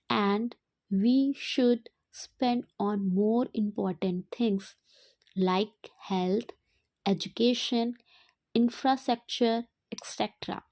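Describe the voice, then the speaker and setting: A woman teacher dictating an English passage in short, separated phrases, pausing deliberately between them. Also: mid-range voice, warm tone, no room sound. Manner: dictating word group by word group with deliberate pauses.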